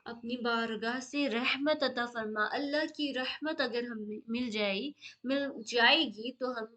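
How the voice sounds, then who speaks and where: A woman teaching a dua lesson, explaining tajweed slowly and repeating each word for listeners to follow. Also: on the high side, pushed and bright. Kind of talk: Islamic lesson with tajweed drills.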